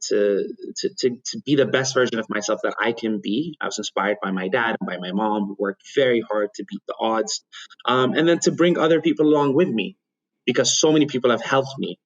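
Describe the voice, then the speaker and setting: A man in his thirties from Ethiopia, whose first language is Amharic, speaks as a guest in a thoughtful, measured way. He often restarts his phrases as he gathers his thoughts. The audio is slightly dull and lo-fi, as if from a remote recording. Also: lowish voice. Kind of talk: conversational interview.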